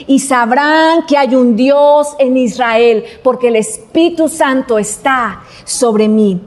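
A woman's voice: high voice, slow. A woman preacher voicing the young shepherd David as a bold, faithful boy, speaking earnestly. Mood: defiant.

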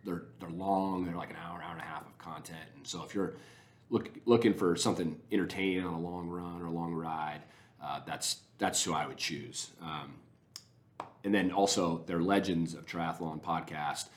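A man's voice: low voice, steady tone, normal speed. A man talking casually on a podcast, rambling with enthusiasm and many restarts as he recommends things.

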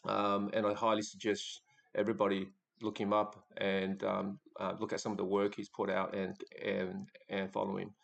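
A man's voice: lowish voice, normal speed, creaky. Australian man hosting with many ums. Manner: relaxed, hesitant with many ums. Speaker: podcast host. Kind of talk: casual podcast interview.

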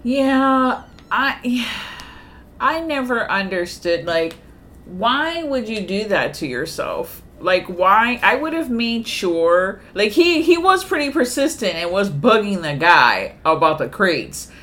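A woman's voice: mid-range voice, big pitch swings, slow pace, fairly bright tone. Blunt, profane woman co-host. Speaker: podcast co-host. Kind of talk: casual movie chat.

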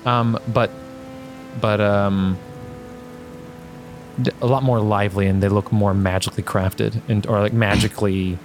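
A man's voice: on the low side, steady tone, a little slow, pauses often. A man running a tabletop role-playing game as game master, describing scenes in a conversational, improvised way. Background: music and rain sounds.

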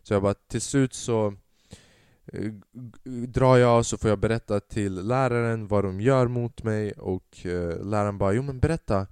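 A young man hosting a solo comedy podcast, telling stories in animated bursts, acting out other people's voices and swearing freely. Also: on the low side, clean tone, no echo, studio quality. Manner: animated storytelling, acts out his father and others in loud bursts, swears freely. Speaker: podcast host.

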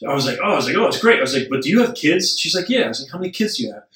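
A man's voice: high-pitched, very fast, vocal fry, distant mic. A man in his forties chatting casually as a podcast guest, telling stories and acting out the lines of others. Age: 40s. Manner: animated storyteller acting out dialogue. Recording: roomy sound from off mic.

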